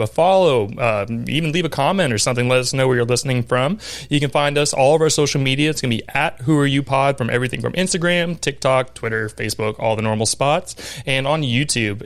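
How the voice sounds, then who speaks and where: A man hosting a casual podcast interview, upbeat and chatty, talking quickly with frequent fillers. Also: medium pitch. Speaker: podcast host.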